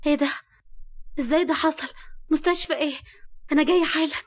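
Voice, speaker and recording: A woman with an Egyptian accent voicing a young woman who is tearful and defiant, her voice pitched high and indignant. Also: fairly even intonation, fast, lightly acted. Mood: hurt, defiant. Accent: Egyptian Arabic.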